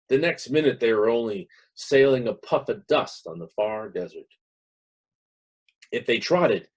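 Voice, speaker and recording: A man playing a wry, pompous humorist lecturer in a hammy, dramatic theatrical reading, with a husky voice. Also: on the low side. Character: Mark Twain, wry pompous male humorist lecturer spinning tall tales.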